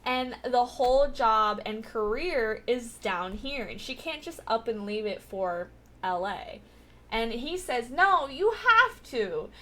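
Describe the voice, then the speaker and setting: A woman's voice: a little high, slow. A young woman casually recapping a TV episode, chatty and giggly, with lots of filler words. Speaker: TV recap vlogger.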